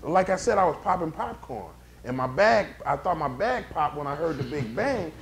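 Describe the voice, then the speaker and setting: A man's voice: on the high side, big pitch swings, normal speed, vocal fry, a little hiss or hum. A man playing a laid-back, slangy young neighbor in a comedy sketch interview. He rambles and stumbles over his words.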